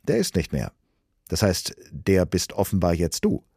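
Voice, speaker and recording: Brief: man doing a scolding astronaut, deep and husky, dry studio sound. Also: huge pitch swings, measured pace, mellow, no room sound, full character voice. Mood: impatient. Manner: pushy, scolding. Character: impatient brusque male astronaut, his future self. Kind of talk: dramatic audiobook reading.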